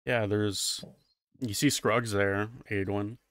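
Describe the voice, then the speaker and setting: A man narrating as game master of a tabletop game, low-key and matter-of-fact. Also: fairly even intonation, takes it slowly, fairly bright tone, clean tone, dry recording, clean studio sound.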